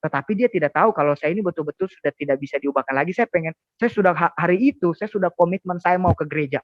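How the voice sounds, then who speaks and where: A young man giving an emotional personal testimony as an interview guest, often halting and repeating words as he tells it. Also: fairly high pitch, no echo, dull audio. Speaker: guest sharing a conversion testimony.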